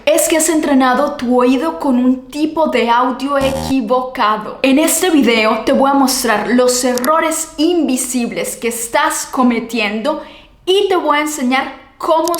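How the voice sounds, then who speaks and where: Female language teacher, high voice, roomy echo, clear drill-style delivery. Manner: clear, deliberate, repeats phrases as drills. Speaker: Spanish teacher. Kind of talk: scripted language lesson.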